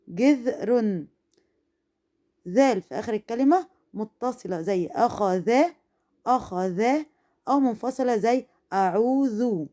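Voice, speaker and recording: A woman with an Egyptian accent teaching an Arabic alphabet lesson to first graders, saying each word slowly and then repeating it. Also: medium pitch, warm tone. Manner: slow, exaggerated pronunciation and repeating each word. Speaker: primary school Arabic teacher. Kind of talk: recorded lesson for young children.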